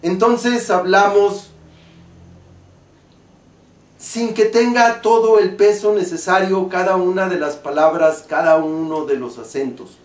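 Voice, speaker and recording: A man with a Mexican accent, an acting teacher explaining stage diction slowly and deliberately. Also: sits high. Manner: slow, deliberate, carefully articulated explanation. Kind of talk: spoken lesson on stage diction. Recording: roomy, from a distance.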